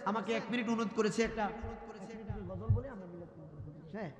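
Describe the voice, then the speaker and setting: A man preaching a waz sermon to a large gathering, talking to the crowd and slipping into slow chanted song. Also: high-pitched, roomy sound, big-room sound. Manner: chanted sermon delivery, breaks into sung English ghazal.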